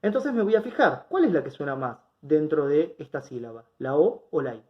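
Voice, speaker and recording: A man's voice: a little high, animated, a little fast. A man teaching an online grammar lesson, explaining step by step and often checking in with his students. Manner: patient, explanatory, checks in with students with rhetorical questions. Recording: dull lo-fi recording.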